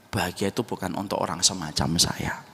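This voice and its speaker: A man's voice: sits low, steady tone, a little fast, sharp tone, husky, in a large hall, pitched below the performer's own voice, exaggerated voice. A man voicing a humble, sad young male street busker who speaks plainly and runs himself down. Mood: downcast. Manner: plain, sad, self-deprecating.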